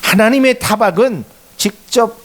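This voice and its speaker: A man's voice: high voice, measured pace. A middle-aged male pastor preaching a sermon, acting out quoted voices and rising to emphatic peaks.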